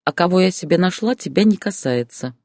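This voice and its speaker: Guy doing a calm young mom, storybook, a bit higher, dry and close. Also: a little fast, gravelly, dry recording. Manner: calm, quiet. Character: calm young mother, divorced woman.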